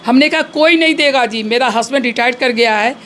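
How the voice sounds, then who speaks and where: A woman's voice: on the high side, fairly quick, a little hiss or hum. A woman in her fifties retelling how she was scammed, acting out the dialogue with feeling. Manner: animated, acts out quoted dialogue. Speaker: fraud victim. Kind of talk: emotional retelling.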